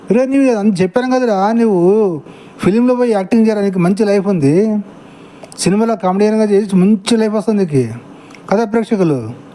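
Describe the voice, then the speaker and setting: A man delivers a furious reaction commentary, heaping scorn and insults on the speaker he is answering. His voice sits high, yet its tone is dark and mellow. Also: poor audio.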